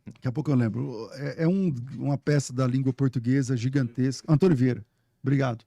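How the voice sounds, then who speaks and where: Um pastor na casa dos quarenta anos, convidado de um podcast, que conta histórias de forma animada, ri e cita a si mesmo. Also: male voice, medium pitch, brisk, gravelly, dry recording. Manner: animated, laughing storyteller who quotes himself. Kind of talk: casual podcast storytelling.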